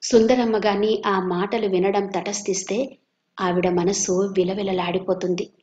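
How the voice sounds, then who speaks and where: A woman from Andhra Pradesh, India, narrating a serialized audio novel at a steady, even pace. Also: mid-range voice, a little slow. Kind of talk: storybook narration. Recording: dull lo-fi recording.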